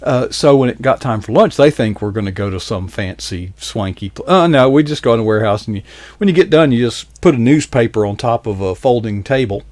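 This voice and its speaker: A man's voice: medium pitch, lively intonation, brisk, darkish tone, dry recording. A man, hosting a talk show and telling rambling, folksy stories that he laughs through. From American South. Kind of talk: casual storytelling chat.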